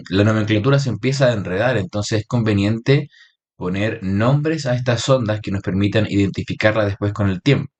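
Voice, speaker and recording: Low-voiced man explaining a software tutorial. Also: muffled recording. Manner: explains step by step, checks in with frequent "¿sí?" and "¿bien?". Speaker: electronics teacher. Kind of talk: screen-recorded software tutorial.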